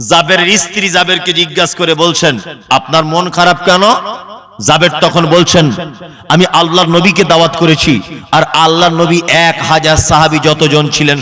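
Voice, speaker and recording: Forceful preacher with a West Bengal accent. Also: male voice. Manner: swings from hushed low telling to high impassioned cries. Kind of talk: dramatic sermon storytelling. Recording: echoey hall with long reverb.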